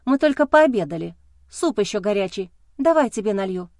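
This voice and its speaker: A woman voicing a supportive adult female friend who speaks in a warm, lively, reassuring way. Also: mid-range voice, fairly quick, no echo, studio quality, natural voice.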